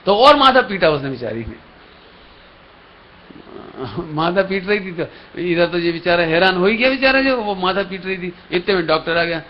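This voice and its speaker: Male preacher, high voice; spins a story, plays its people, quizzes the hall; muffled lo-fi stream. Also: animated, normal speed. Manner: storytelling, acts out characters' dialogue, asks the audience questions. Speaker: Jain preacher. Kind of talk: sermon with acted story voices. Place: lecture hall at a religious camp. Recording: dull live stream audio with faint hiss.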